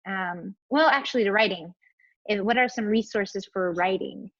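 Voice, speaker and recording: A woman's voice: mid-range voice, normal speed, fairly bright tone, no echo. A woman pastor hosting a casual panel discussion, explaining things in a chatty way with many fillers. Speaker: pastor and host. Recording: dull lo-fi, dry sound.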